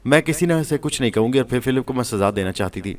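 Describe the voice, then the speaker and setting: A man's voice: medium pitch, animated, lightly acted. Guy reading as a cheeky invisible ghost girl, amused, teasing. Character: mischievous invisible female spirit, playful.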